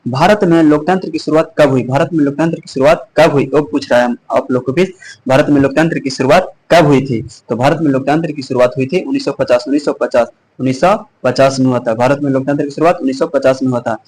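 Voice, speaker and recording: A male teacher with a hoarse throat running a quiz-style exam revision lesson, repeating each question and answer with frequent restarts. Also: medium pitch, fast talker, darkish tone, low-quality recording.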